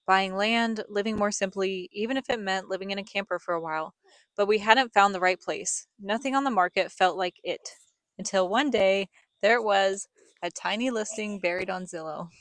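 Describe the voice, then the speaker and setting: A woman's voice: mid-range voice, normal speed, a bit bright, no room sound. A young woman reading a scripted vlog voice-over in a reflective, earnest storytelling manner. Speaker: family vlogger, co-host.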